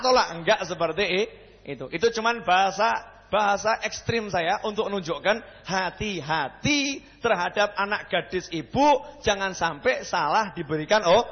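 High husky voice, javanese accent guy preaching a sermon, asks the crowd stuff, muffled sound. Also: in a large hall. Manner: questions the crowd, jokey, lively. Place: mosque hall.

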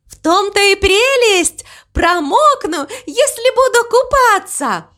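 A woman's voice: high voice, very animated, slow pace, heavily acted. A woman voicing a jubilant, carefree cow mother in a storybook reading, gushing with delight. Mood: excited shouting.

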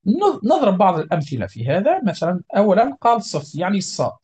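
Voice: mid-range voice, wildly swooping pitch, fast, darkish tone, slightly rough. A Quran recitation teacher giving a methodical, step-by-step lesson, repeating each example and drawing out the nasal sounds to show them.

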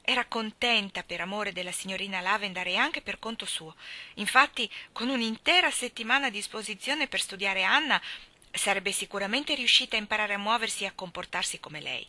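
A woman reading a classic novel aloud as an audiobook, expressive and lightly voicing the characters. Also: medium pitch, a little fast, dry recording. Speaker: audiobook reader. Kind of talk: storybook narration with character voices.

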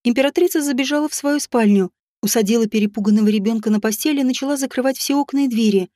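A woman's voice: a little high, fast talker, warm tone, no echo, clean studio sound. Woman narrating a fantasy audiobook. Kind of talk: scripted narration.

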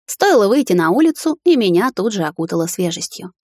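A woman narrating a novel in first person, with an even, expressive storytelling manner, recorded close to the mic. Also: mid-range voice, brisk, dry recording. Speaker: audiobook narrator.

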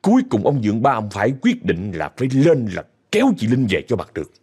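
Male storyteller, Southern accent, chatty, directly addresses the audience, very expressive pitch. Casual oral narration. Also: quick pace, slightly rough. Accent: Southern Vietnamese.

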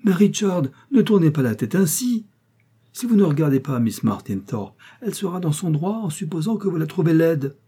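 A man voicing an effusive, flattering young woman who pleads and coaxes. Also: a little high, normal speed, slightly rough, voice pushed up. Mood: coaxing.

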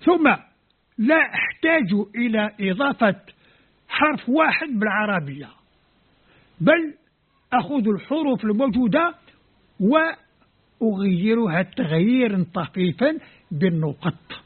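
His voice sits high and sounds husky and expressive, moving a little slowly with frequent pauses. An Algerian scholar with Kabyle as his first language, he lectures in Algerian-accented Arabic, sounding out letters and words step by step. The recording has a tinny, phone-like lo-fi quality.

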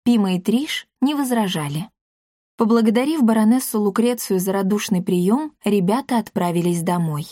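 A woman narrating an audiobook in a measured storytelling manner. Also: mid-range voice, mellow, no room sound, studio quality. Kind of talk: scripted narration.

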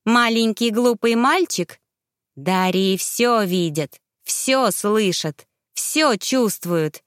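A cruel young heir talking down with cold, sneering arrogance, as a woman reads him. The voice sits at a middle pitch and is recorded close and dry. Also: slow, dry recording, lightly acted. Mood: gloating. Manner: sneering, haughty.

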